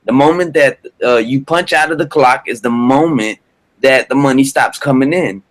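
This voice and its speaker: A man from Colombia in his thirties pitches a business over a video call. He talks loosely and casually, full of "all right" and "uh" fillers, at an average pitch. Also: normal speed. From Bogota, Colombia. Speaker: business presenter. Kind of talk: casual sales presentation on an online call.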